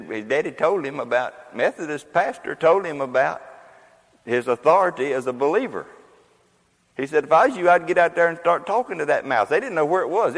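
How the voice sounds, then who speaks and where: A man preaching a sermon, telling folksy stories and rising to loud emphatic peaks. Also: medium pitch. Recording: long hall reverb.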